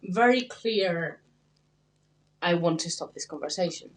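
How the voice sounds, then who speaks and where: Young woman, podcast co-host; easy casual chat, quick to laugh, acts out the people she describes. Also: on the low side, animated. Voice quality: laughs often, acts out quoted exchanges.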